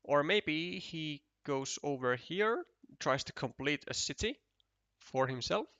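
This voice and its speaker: A man's voice: on the high side, lively intonation, slow, pushed and bright, dry recording, lo-fi sound. A man commentating a competitive board game match, thinking aloud, counting tiles and often restarting his sentences. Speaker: esports commentator.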